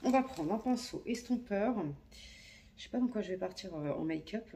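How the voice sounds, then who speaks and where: Beauty vlogger, woman, casual and slangy, thinks aloud, voice with some vocal fry; phone-recorded. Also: medium pitch, expressive, moderate pace, mellow, a little hiss or hum. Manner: chatty, slangy, talks to herself. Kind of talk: casual makeup tutorial chat. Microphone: phone camera.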